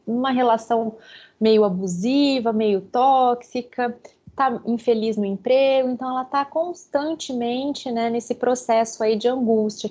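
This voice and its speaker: A woman psychologist speaks to a group of teachers in a relaxed, conversational lecture, slipping into little acted-out remarks as examples and checking in with her listeners as she goes. Her voice sits a little high. The recording sounds dull and lo-fi. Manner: chatty, keeps checking in with listeners and acts out quoted remarks. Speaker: psychologist giving a talk to teachers.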